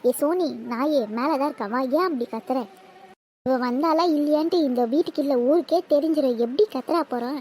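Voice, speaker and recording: A woman voicing a loud, whiny teenage village girl in a cartoon, who shouts and teases. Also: a little fast, slight background noise, lightly acted. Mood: scolding. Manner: shrill shouting and teasing. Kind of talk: cartoon voice acting.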